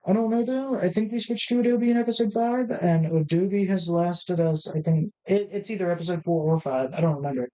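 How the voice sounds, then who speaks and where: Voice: mid-range voice, fairly quick, few pauses, warm tone, poor audio. A gaming channel host giving casual gameplay commentary, rambling and correcting himself as he thinks aloud at a desk mic.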